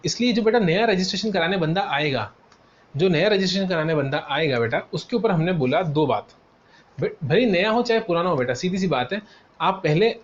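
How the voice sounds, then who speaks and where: A male tutor giving a classroom lecture. He calls students "beta", answers his own questions in a student's voice, and repeats key terms. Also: a little high. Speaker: CA exam tutor. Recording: dull lo-fi sound with faint noise.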